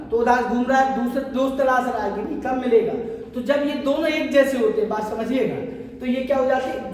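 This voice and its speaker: A man's voice: very high-pitched, darkish tone. Male teacher in an echoey hall. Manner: asks the class questions and checks they follow; explains with homely everyday comparisons. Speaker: biology teacher. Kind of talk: classroom revision lecture. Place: large echoing classroom. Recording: echoey hall recorded from far off.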